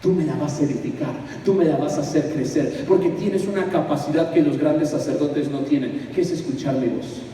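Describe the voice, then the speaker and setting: A man voicing a calm Jesus commissioning a disciple, speaking low and gentle in an echoey hall. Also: fairly quick, few pauses, far from the mic, slight background noise, natural voice. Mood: gentle commanding.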